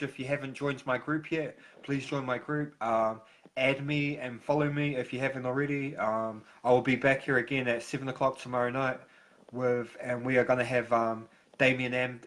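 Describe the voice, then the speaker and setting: A man with a broad New Zealand accent hosting a live stream, talking casually and haltingly with frequent pauses. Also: mid-range voice, fairly bright tone. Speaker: host of a recovery live stream.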